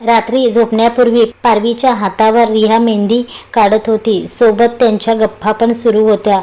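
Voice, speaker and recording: A woman narrates a romantic story aloud. Her voice sits fairly high and her reading is steady and scripted. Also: moderate pace, rough recording.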